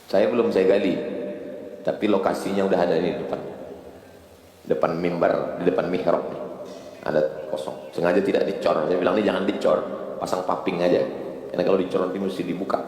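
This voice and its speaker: A man delivers a sermon in a low voice, animated and joking, leaping to sharp high notes to drive points home. He is heard from some distance in a large hall. The sound rings with heavy echo and a long reverb tail. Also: fairly quick, long pauses. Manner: animated, jumps to very high pitch for emphasis, joking asides. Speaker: preacher. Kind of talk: Islamic sermon to a congregation.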